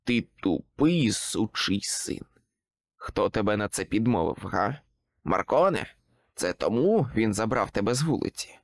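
A man doing a slow, menacing sorcerer. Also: on the low side, very animated, dry recording, clean studio sound. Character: cruel male sorcerer, menacing and cold.

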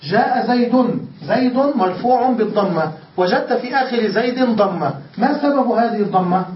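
A man teaching a grammar lesson in a classroom style, asking questions and answering them himself. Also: sits high. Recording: echoey, distant, dull lecture recording with faint hiss.

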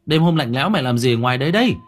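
A man voicing a young village son who talks in a hurried, questioning way. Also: medium pitch, animated, natural voice. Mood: puzzled. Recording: faint music underneath.

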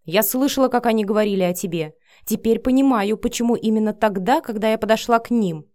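A woman's voice: on the high side, fast, dry recording, clean studio sound, close to an everyday voice. A woman reading an audiobook, voicing a hot-tempered young woman who hisses and snaps. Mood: furious. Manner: hissing, snapping, shouting. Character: young woman, fiery, quick to anger. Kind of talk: audiobook character voice.

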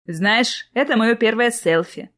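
A woman's voice: on the high side, measured pace, a bit bright. A woman reading the lines of an impulsive, shy young man in love, in an earnest way. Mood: eager.

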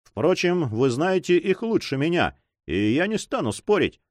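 A man's voice: fairly high pitch, sing-song, unhurried, dry recording, clean studio sound, pitched above the performer's own voice. A man voicing a secretive young man in love in his own voice, earnest, reassuring and insistent.

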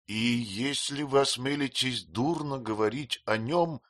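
A man's voice: medium pitch, measured pace, fairly bright tone, dry recording, studio quality, pitched above the performer's own voice, lightly acted. A man voicing a timid, frail young mother who speaks faintly and hesitantly.

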